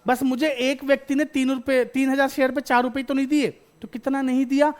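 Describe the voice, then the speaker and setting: A man's voice: very high-pitched, level tone, fairly quick, smooth. A male teacher, giving a classroom lecture. He fires questions at the class, repeats each point, and answers himself before moving on. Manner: addresses students as beta.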